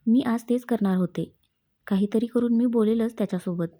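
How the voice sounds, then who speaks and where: A woman voicing a fretful, loving young wife in a storybook. Her lines come out worried and pleading in a fairly high, mellow voice. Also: a little fast. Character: anxious, affectionate young wife.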